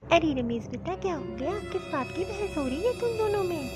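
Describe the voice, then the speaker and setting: A woman's voice: very high voice, sing-song, normal speed, over music. A woman voicing a simple, affectionate old mother-in-law from a village in a cartoon story, with homely, rustic talk. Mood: meek. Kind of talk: cartoon voice acting. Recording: dull, dry lo-fi recording.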